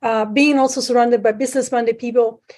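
Sicilian-born woman, fairly high voice. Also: steady tone, a little fast, a little mellow. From Sicily, Italy. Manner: hesitant, many fillers, restarts. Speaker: guest, private lender. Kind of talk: conversational interview. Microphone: remote call.

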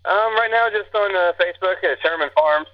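A man's voice: high voice, a little fast. A man chatting casually as an interview guest over a narrow, tinny phone connection. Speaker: podcast guest, pig farmer.

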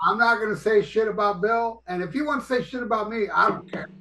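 A man with a fairly high voice hosts a podcast in casual talk. He speaks bluntly and trades crude banter with his co-hosts. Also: quick pace, sharp tone. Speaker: podcast host.

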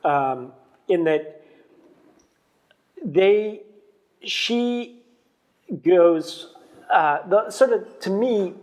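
Male panelist, higher pitch, opinionated and steering. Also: lively intonation, drawn-out words, long pauses, a little mellow. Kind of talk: casual fan discussion.

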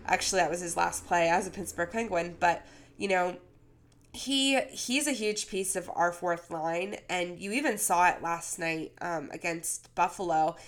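A woman's voice: lowish voice, measured pace. A woman co-hosting a podcast with casual sports talk, speaking while sick with a cold. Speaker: podcast co-host.

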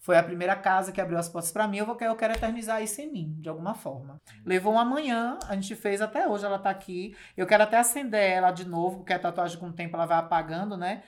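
A woman, a journalist telling stories in a colloquial, animated way during an interview. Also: mid-range voice, fast, hardly any pauses. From Bahia, Brazil. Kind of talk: casual storytelling interview.

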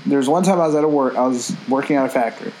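A man's voice: mid-range voice, racing, a little mellow, slight background noise, poor audio. A man in casual banter with friends, teasing and crude.

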